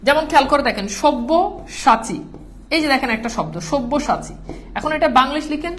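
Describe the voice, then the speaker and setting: A woman's voice: high-pitched, expressive, fast talker, fairly bright tone, slight background noise. A woman with a Bangladeshi Bengali accent teaching an online class, patient, repeating points and often checking whether students follow.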